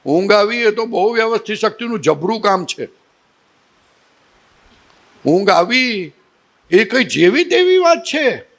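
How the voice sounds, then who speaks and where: A high-pitched male voice carries this satsang talk, spoken with a Gujarati accent. He teaches through funny everyday stories and keeps putting questions to his listeners. His delivery is lively and full of play. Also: a little slow, long pauses. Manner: humorous, animated storytelling with rhetorical questions. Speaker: spiritual teacher.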